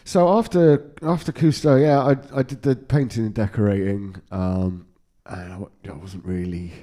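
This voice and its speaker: A man's voice: fairly low pitch, steady tone, normal speed, dark tone. A man in his forties, a guitar tech telling road stories in casual chat, swearing freely and laughing often. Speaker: podcast guest, guitar tech.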